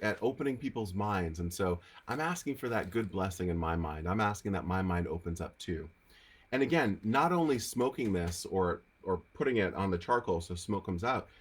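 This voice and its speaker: A man with a Rhode Island accent and a slightly nasal, congested voice, casually hosting a question-and-answer session in a conversational, encouraging way. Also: sits low. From Rhode Island, United States. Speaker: host of a live Q&A. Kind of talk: casual spiritual teaching, answering viewer questions. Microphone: on camera with lighting setup.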